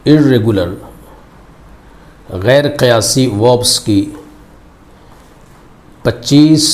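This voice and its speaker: Slow, drilling male language teacher. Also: mid-range voice, darkish tone. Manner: repeats each word form several times, drilling pronunciation; formal Urdu-flavoured Hindi with Arabic opening phrase. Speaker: English teacher. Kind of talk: slow recorded vocabulary lesson.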